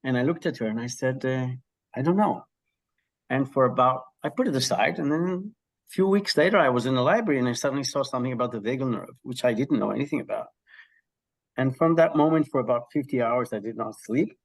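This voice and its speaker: As a guest in an interview, a middle-aged professor of health psychology talks quickly about his research in a medium-pitched voice, keeping it lively despite frequent ums and clearing his throat.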